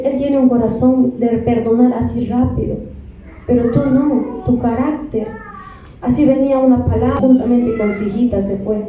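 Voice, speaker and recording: A woman's voice: high voice, warm tone, recorded from a distance, a little hiss or hum. Earnest Peruvian woman in an echoey church. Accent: Peruvian Spanish. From Peru. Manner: earnest, repeats words, addresses listeners as beloved brethren. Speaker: church member giving testimony. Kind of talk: tearful testimony to a congregation. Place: church hall.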